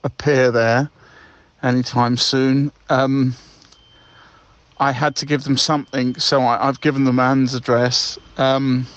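A man leaving a voicemail, heard over a landline phone, hesitant and halting with many ums. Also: mid-range voice, little pitch movement. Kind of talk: comedy sketch. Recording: muffled phone-line audio.

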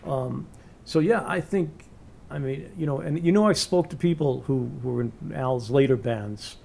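A man's voice: medium pitch, normal speed, creaky, darkish tone. A man with a New York accent interviewing a musician in a casual, rambling way, full of ums and restarts. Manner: rambling, many fillers and restarts.

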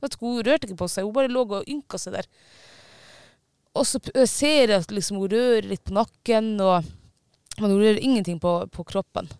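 Man, casual chat, high voice, smooth yet gravelly, dry close sound, animated storytelling. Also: no echo. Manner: animated, swearing storytelling with many fillers.

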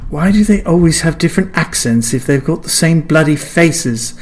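A woman's voice: deep voice, lively intonation, moderate pace, darkish tone, slight background noise. A man reading a story, voicing a determined woman pilot who speaks tersely and coldly. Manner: terse and cold.

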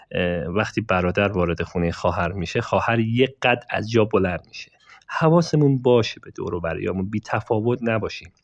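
Low-pitched guy narrating a true story, casual and rambling, talks straight to the listeners, dry dull audio. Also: darkish tone, no echo. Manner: digressive, addresses listeners directly. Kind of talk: conversational storytelling with asides to listeners.

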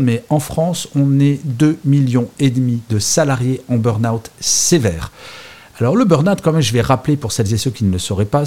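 A man's voice: medium pitch, darkish tone. A man hosting a live show, chatty and self-mocking, often correcting himself mid-sentence. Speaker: host.

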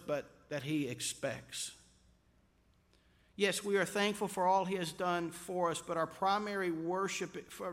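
Male pastor, high voice, unhurried emphatic sermon delivery. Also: a bit bright, long reverb tail. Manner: slow, emphatic preaching with drawn-out words.

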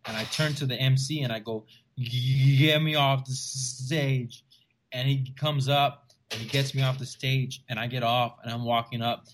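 A man from the Rio Grande Valley of Texas talks as a stand-up comedian guest in a relaxed interview. He tells stories in an animated way and slips into the voices of the people he quotes. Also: mid-range voice, a little fast, hardly any pauses, slight background noise. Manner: animated storyteller who acts out quoted voices. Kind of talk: casual storytelling interview.

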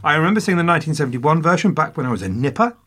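A man's voice: a little high, lively intonation, racing, bright, forceful tone. An English man hosting a casual history podcast, full of jokey asides and mock French phrases. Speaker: podcast host.

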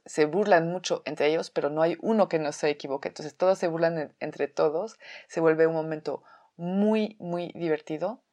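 A woman, a theater workshop teacher calmly explaining a drama exercise step by step. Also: fairly low pitch. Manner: calm, methodical explanation with examples.

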